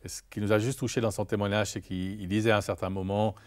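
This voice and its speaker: Deep-voiced man, earnest interview guest, hesitant, repeats words, studio. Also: flat delivery, fast talker.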